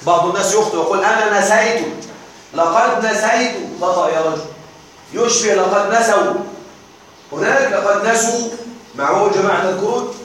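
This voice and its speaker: A man's voice: high voice, fast, long pauses, fairly bright tone. A man teaching a grammar lesson to a class, drilling verb forms aloud and often checking that his students follow. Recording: echoey room, distant mic, faint noise.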